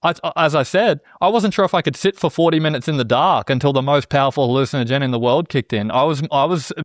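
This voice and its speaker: A man's voice: a little high, quick pace, no echo. Reflective man with a dry, close sound. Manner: reflective, often adds "you know what I mean?". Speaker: podcast host. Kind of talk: casual spiritual conversation.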